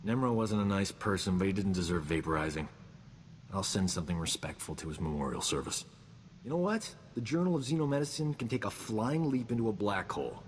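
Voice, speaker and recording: A cocky, self-important space doctor who brags and wisecracks through every line. The voice sits a little low. A long reverb and faint hiss hang behind him, as in game dialogue. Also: male voice, very animated, a little fast. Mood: indignant. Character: boastful roguish male doctor, vain and flippant. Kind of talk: video game character dialogue.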